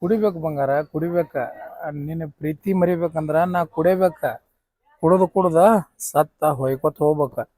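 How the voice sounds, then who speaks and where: A man's voice: on the high side, moderate pace, dark tone, no echo, close to an everyday voice. A man with a North Karnataka Kannada accent playing a drunk, heartbroken young lover, pleading and self-pitying. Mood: despairing, pleading. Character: jilted young man drinking away heartbreak. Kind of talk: short film acting.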